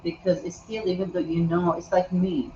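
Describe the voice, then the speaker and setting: A man's voice: high voice, level tone, a little fast, dark tone. A man from Ethiopia hosting an interview, speaking earnestly and often affirming his guest. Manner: earnest, frequent affirming "yeah". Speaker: host. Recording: muffled recording with faint background hum.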